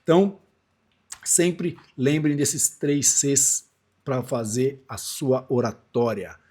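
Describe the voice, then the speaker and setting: A man's voice: mid-range voice, lively intonation, takes it slowly, a little mellow. A man in his forties from Brazil, giving a loose, conversational lesson on public speaking with frequent restarts and asides. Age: 40s. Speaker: speaking coach. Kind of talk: casual on-camera lesson.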